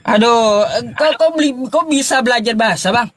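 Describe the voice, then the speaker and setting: High-pitched man lecturing mockingly. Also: normal speed, very noisy. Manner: mocking, lecturing, stammering restarts. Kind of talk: heated debate.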